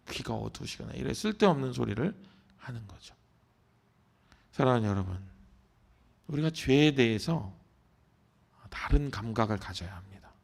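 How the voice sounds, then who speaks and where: A man's voice: mid-range voice, creaky, a bit bright. A male pastor preaching at an early-morning prayer service, telling a story and asking the congregation questions. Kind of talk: sermon. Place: church.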